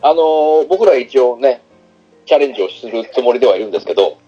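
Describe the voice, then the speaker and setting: A man in a measured, agreeable casual chat about video games. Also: medium pitch, expressive, husky, muffled recording, soft background music. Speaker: podcast guest.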